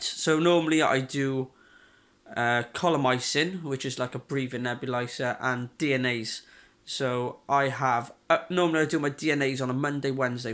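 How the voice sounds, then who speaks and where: Sick with congestion, a cough and a sore throat, a young vlogger talks through a casual home video diary. His voice sits at medium pitch with a fairly bright tone, and his chatty speech wanders, full of fillers and restarts.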